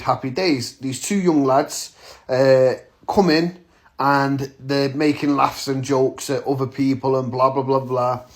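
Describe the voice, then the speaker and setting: A man in his thirties, a vlogger telling a story straight to camera in a blunt, slangy, casual way. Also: mid-range voice. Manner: blunt, slangy, acts out the moments he retells.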